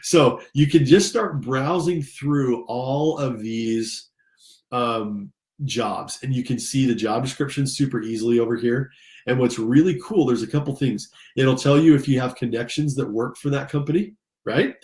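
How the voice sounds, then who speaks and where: A slightly congested American man, a career coach and instructor whose allergies stuff him up, gives an informal, enthusiastic screen-share tutorial straight to his listeners. His voice is medium-pitched and a little mellow, at a normal pace. The recording sounds roomy and echoey.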